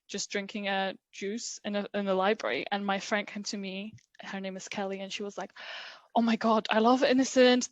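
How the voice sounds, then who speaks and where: A woman's voice: mid-range voice, fairly bright tone, no room sound, highs cut off. Chatty young woman from Poland. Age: 20s. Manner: chatty, laughs often, many fillers. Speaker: interview guest, recent graduate. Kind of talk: casual video interview.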